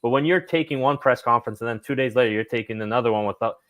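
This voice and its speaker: A man's voice: medium pitch, very fast, a bit bright, no echo. A man co-hosting a casual football podcast, thinking aloud and often restarting his words. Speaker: podcast co-host.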